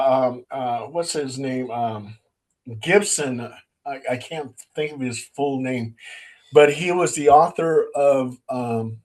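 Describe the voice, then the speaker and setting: A man who is a paranormal investigator and co-host, telling stories in a casual, animated way and acting out quotes. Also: on the high side, low-quality recording. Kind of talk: casual storytelling chat.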